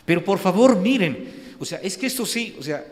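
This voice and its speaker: A man preaching a sermon in a slightly higher-than-usual voice. He talks to the congregation conversationally, full of restarts and rhetorical questions. His voice rings with the long reverb of a church sanctuary. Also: expressive, normal speed. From Colombia. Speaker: pastor.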